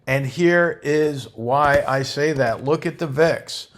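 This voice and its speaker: Male market host talking viewers through charts, steady and teacherly, leaning on the key numbers. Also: fairly high pitch. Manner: measured, instructive, emphatic on key levels. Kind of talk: stock market commentary over charts.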